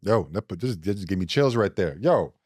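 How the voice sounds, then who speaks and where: A man's voice: lowish voice, animated, a little fast, a little mellow, breathy edge, no echo, clean studio sound. A man co-hosting a podcast, mostly giving short awed reactions while he listens. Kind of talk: casual chat, listening.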